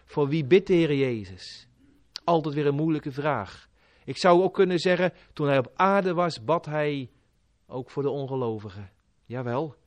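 Male preacher, lively pitch swings, dry close sound, impassioned sermon delivery. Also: no room sound. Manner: fervent, swelling to loud emphatic peaks then dropping low.

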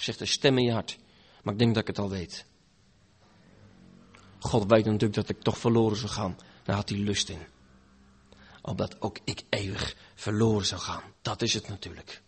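A man preaching a sermon, dramatic, swinging between loud pleading and hushed, near-whispered lines. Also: on the low side, lively intonation, moderate pace, long pauses, breathy edge.

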